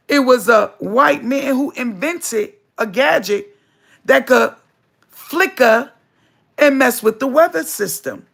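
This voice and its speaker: A woman holds forth on a spiritual livestream. Her voice is gravelly and her delivery slow and deliberate. She is emphatic and preachy and hammers points home by repeating them. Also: on the high side, a bit bright. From United States. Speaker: livestream host.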